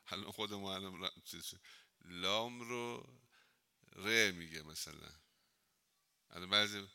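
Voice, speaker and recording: A man's voice: sits low, pushed and bright, clear, resonant tone. A man, a cleric, giving an informal religious lesson in a mosque, talking conversationally and telling humorous anecdotes.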